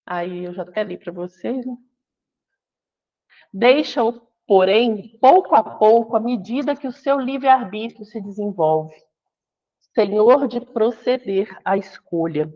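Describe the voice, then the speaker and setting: A woman's voice: mid-range voice, slow, dull audio. A woman with a Brazilian Portuguese accent giving a conversational spiritist talk, acting out the voices she quotes. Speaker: spiritist lecturer.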